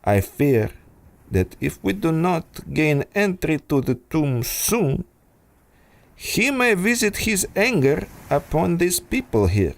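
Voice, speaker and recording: A man's voice: a little high, very animated, gravelly, exaggerated voice. A man playing Doctor Victor Raznovich, silky villain. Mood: menacing. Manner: silky, menacing, drawn-out delivery. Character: scheming foreign male villain doctor, smooth and manipulative. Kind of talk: old-time radio drama acting.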